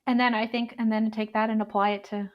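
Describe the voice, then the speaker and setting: Canadian woman, 30s, interview guest, even tone, stop-start phrasing. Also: on the high side, lo-fi sound. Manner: halting, many restarts and fillers. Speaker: guest bagpiper. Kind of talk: casual interview chat.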